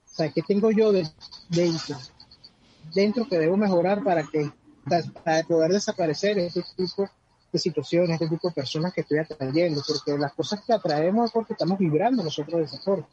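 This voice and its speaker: Speaking fairly quickly in a warm voice on the high side, a man shares sincere, chatty advice about personal growth as a guest speaker, repeating words as he gropes for them. The audio is dull lo-fi with faint noise behind it.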